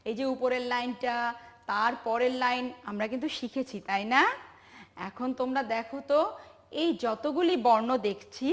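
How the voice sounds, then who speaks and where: A woman teacher with a Bangladeshi Bengali accent gives a home-learning lesson to young children, patiently drawing out each word and asking them to repeat after her. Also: high voice. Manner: slow, patient, drawn-out recitation with call-and-response questions. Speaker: pre-primary teacher.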